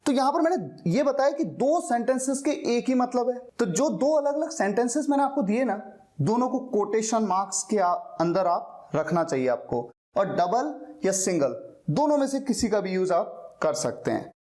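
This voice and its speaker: With big pitch swings and a darkish tone, this very high male voice explains a lesson step by step. The teacher is patient, modelling pronunciation by repeating words slowly during his classroom lecture.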